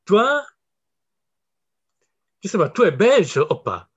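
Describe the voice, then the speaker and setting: Man, interview host, slow unhurried speech, slightly high voice, dull lo-fi audio. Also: very animated, slightly rough. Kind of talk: casual interview chat. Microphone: video call.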